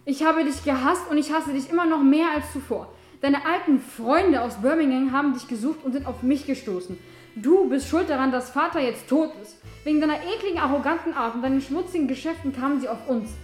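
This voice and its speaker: A woman's voice: sits high, brisk, lightly acted. A woman voicing a vengeful young woman who coldly accuses an old acquaintance. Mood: furious. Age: young adult. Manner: cold, accusing, cutting. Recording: echoey room with music behind.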